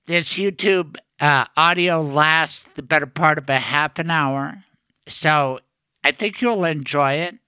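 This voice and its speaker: Male podcast host, forceful clear tone, slightly high register, introducing segments. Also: takes it slowly, no room sound, clean studio sound. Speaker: show host.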